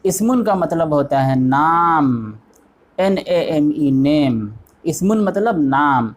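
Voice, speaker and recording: A man's voice: a little high, animated. A man teaching an online textbook lesson, patiently explaining step by step and repeating each word while quizzing the listener. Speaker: Arabic teacher.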